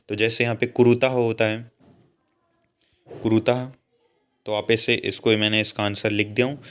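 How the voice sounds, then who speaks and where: A young man, explaining a school lesson patiently and slowly. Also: medium pitch, fairly bright tone, clear, resonant tone. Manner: slow, patient explanation with frequent asides to students. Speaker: teacher.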